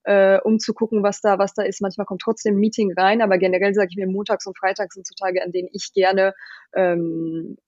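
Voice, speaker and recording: A woman's voice: mid-range voice, little pitch movement, a little fast, a little mellow, dry recording, dull audio. German-born woman founder on a remote call. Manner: thoughtful, many fillers and restarts. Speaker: company founder, guest. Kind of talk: casual interview talk.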